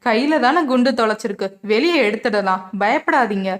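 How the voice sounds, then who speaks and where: A woman's voice: fairly high pitch, animated, moderate pace, close to an everyday voice. Woman reading as a kindly fatherly uncle. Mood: reassuring. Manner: gentle reassuring.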